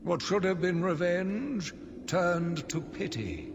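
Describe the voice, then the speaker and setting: With a high-pitched male voice, an actor delivers a video game audio log as an embittered asylum doctor, grief-stricken and zealous, gradually becoming vengeful. The monologue is solemn, measured, brooding and theatrical, colored by cold disdain. Loud background noise and a long, reverberant echo fill the recording.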